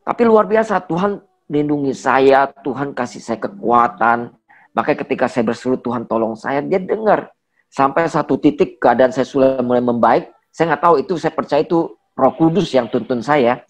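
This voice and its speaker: A man's voice: mid-range voice, animated, normal speed. A man around forty, a pastor, giving an earnest personal testimony in conversation, speaking emphatically with a slight stammer. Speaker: pastor, guest.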